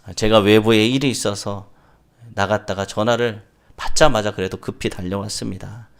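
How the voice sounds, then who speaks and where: A man voicing a patient, polite male doctor who speaks softly and soothingly. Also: fairly low pitch, fairly even intonation, moderate pace, vocal fry. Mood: calm polite. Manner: soft and soothing.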